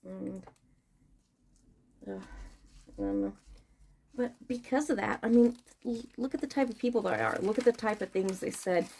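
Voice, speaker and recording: A woman's voice: mid-range voice, gravelly, darkish tone. A woman vlogger chatting casually and informally while she works, thinking aloud and drifting between asides. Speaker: online vlogger and small seller packing orders. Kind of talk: casual rambling chat while working.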